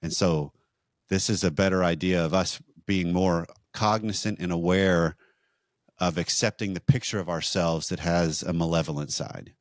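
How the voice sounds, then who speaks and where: A man co-hosting a marriage podcast, teaching in a measured, explanatory way with rhetorical questions. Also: sits low, steady tone, no echo, studio quality.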